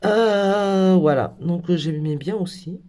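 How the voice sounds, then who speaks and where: A man's voice: sits high, takes it slowly, dark tone. A man in a casual craft haul video, talking in a hesitant way with lots of fillers and self-corrections. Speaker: craft vlogger.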